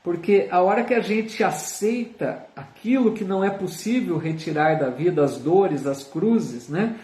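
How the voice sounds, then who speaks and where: A man's voice: high-pitched, unhurried, darkish tone. A man with a Brazilian Portuguese accent leading a live online Spiritist study, teaching earnestly with frequent tag questions and reading viewer comments aloud. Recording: roomy sound, speaker far from the mic.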